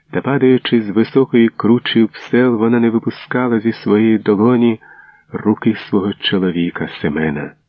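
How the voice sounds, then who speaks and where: A man narrating a literary story in an expressive, dramatic way, in a dull, dry recording. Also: low voice, dry recording. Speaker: audiobook reader.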